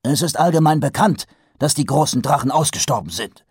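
A man voicing a brusque, clipped male city ruler, in a raised, high voice. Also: expressive, moderate pace, husky, no echo, studio quality. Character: Lord Vetinari, brusque middle-aged male city ruler.

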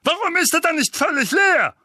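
A man voicing a blustering, irascible middle-aged uncle in an audiobook, booming and bleating with spiteful indignation. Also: sing-song, unhurried, pushed and bright, no room sound, clean studio sound, heavily acted. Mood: outraged.

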